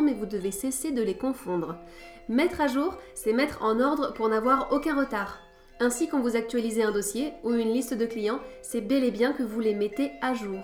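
A woman's voice: a little high, darkish tone. A woman hosting a scripted podcast lesson, with a wry, playful teacher's tone. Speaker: podcast host.

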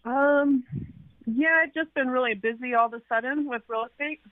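A woman's voice: sits high, normal speed, no room sound. A woman from California calling in to a radio show over the phone, giving brief, agreeable answers. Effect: phone line call into a radio show. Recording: tinny dry phone line.

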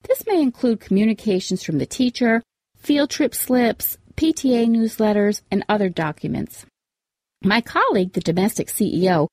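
A woman's voice: medium pitch, a little mellow, husky, no room sound, studio quality. A woman hosting a scripted parenting advice show in an upbeat, tidy, advice-vlogger manner, setting out tips with emphasis. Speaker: podcast host giving parenting tips.

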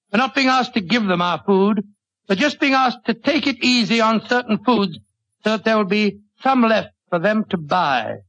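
An actor playing an earnest, blustering English doctor with a British accent in 1940s radio style, fussy and slightly stammering. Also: male voice, extremely high pitch, fairly bright tone, dry recording, exaggerated voice. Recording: dull vintage radio recording.

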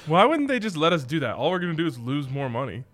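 A man's voice: fairly high pitch, big pitch swings, fast talker, a bit bright. A man co-hosting a sports betting podcast, wisecracking in casual banter. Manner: wisecracking, playful.

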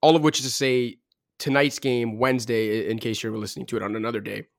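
A man's voice: medium pitch, fast talker, creaky, no room sound. Dry-miked male podcast host. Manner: energetic, talks in long stat-heavy runs. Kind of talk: casual sports podcast chat.

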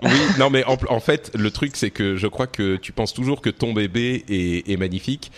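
A man's voice: fairly low pitch, moderate pace. A middle-aged man hosting a podcast in casual chat, talking freely with his co-hosts and reminiscing. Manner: chatty, playing old clips and reminiscing. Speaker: podcast host.

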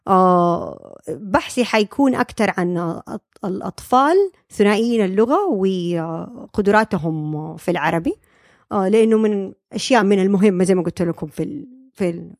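A woman's voice: medium pitch, fairly quick, a little mellow, dry recording, clean studio sound. A young woman, a speech-language pathologist explaining her field in a casual interview, with many fillers and English terms. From Saudi Arabia.

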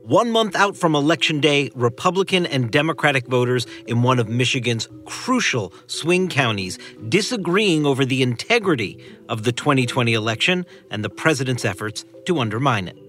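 A man's voice: medium pitch, animated, moderate pace, a bit bright, faint music behind. A man co-hosting a political news podcast, giving emphatic conversational analysis and repeating key phrases for weight. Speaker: podcast co-host, political director.

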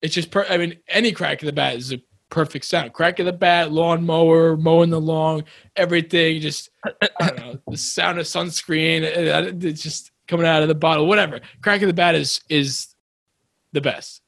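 A young man co-hosting a casual sports podcast, talking in an excitable, rambling, jokey way. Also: a little high, moderate pace, creaky, no echo, clean studio sound. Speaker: podcast co-host. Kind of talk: casual chat.

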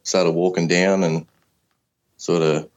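Aussie working bloke in his 30s, real low voice, laid-back and colloquial, just telling a yarn. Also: level tone, slow pace, lo-fi sound. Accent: Australian. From Australia. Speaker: podcast guest. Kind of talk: casual first-person storytelling.

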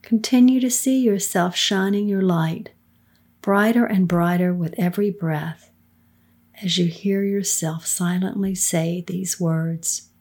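A middle-aged woman with a soft, soothing, breathy voice, leading a guided meditation in a calm, unhurried manner with hushed phrase endings. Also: fairly low pitch. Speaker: guided meditation leader, podcast co-host.

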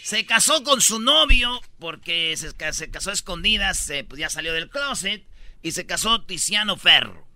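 A man hosting a radio comedy show, telling stories in a lively way and acting out the people in them. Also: high voice, normal speed. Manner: animated storyteller, acts out the people in his stories. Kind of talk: casual radio comedy chat.

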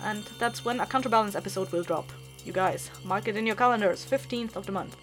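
A woman who created and hosts a podcast reads casual scripted announcements to her listeners, keeping it chatty, informal, and upbeat. She talks quickly at a medium pitch with a fairly bright tone, and faint music plays behind her.

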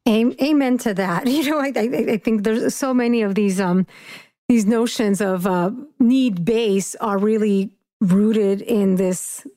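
A woman's voice: medium pitch, a little slow, warm tone. A woman hosting an interview in a casual, agreeing way, restarting her phrases as she thinks aloud. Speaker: podcast host, interviewer.

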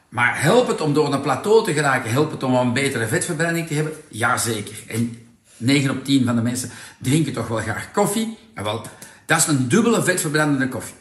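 A man with a Flemish accent presenting products in a casual, persuasive sales pitch, full of tag questions. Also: a bit bright, echoey room.

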